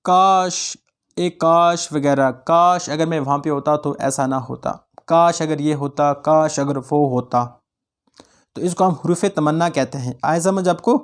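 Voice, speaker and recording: A male teacher giving an exam-prep grammar lesson, explaining slowly, repeating each point and putting questions to his students. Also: fairly high pitch, smooth.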